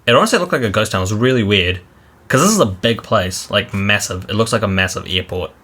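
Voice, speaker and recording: A man co-hosting a vlog in casual chat, animated and laughing as he rants, out walking by a river. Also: lowish voice, fast talker. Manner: animated, laughs while ranting. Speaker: vlog co-host.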